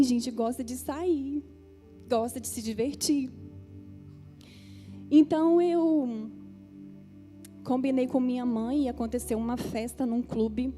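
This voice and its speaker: A woman's voice: sits high, mellow. A woman pastor with a Brazilian Portuguese accent preaching a testimony sermon, talking straight to the congregation with feeling. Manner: emotional storytelling, addresses the congregation directly.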